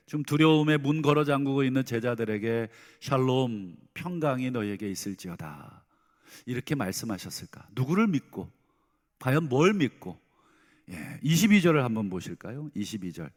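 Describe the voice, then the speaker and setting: Middle-aged male pastor, earnest sermon delivery, hushed pleas and emphatic swells, ringing church reverb. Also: mid-range voice. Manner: earnest, swings between soft pleading and loud emphatic bursts. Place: church sanctuary.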